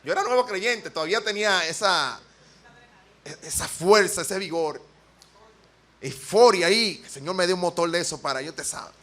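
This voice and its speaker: A man's voice: sits high, moderate pace, fairly bright tone. A man preaching a sermon in a church with a Dominican accent, earnest and folksy, weaving in personal stories. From Dominican Republic.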